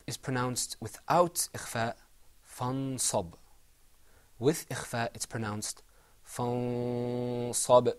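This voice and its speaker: A man teaching Quran recitation rules to a small class, patiently modeling sounds and encouraging students. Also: mid-range voice. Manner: encouraging, drawn-out modeling of pronunciations.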